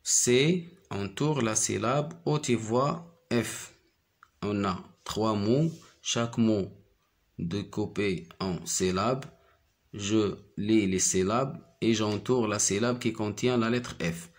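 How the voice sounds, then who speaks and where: A man leads a primary school phonics lesson, repeating each word twice so young pupils can follow. His voice sits fairly low and he speaks at a very unhurried pace. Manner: repeats each word slowly and clearly, switches to Moroccan Arabic to explain.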